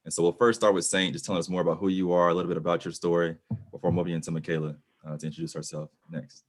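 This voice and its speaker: Male webinar host, very low voice, quick delivery, upbeat. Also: level tone. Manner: upbeat, scripted opening. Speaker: host, program director. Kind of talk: webinar hosting.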